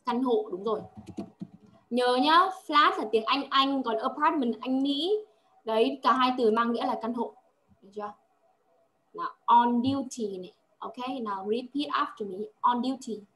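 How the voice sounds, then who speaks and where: A woman gives a one-on-one lesson in a fairly high voice. She explains patiently, repeats words for drilling and keeps checking that her pupil follows. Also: normal speed, a bit bright. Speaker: English tutor.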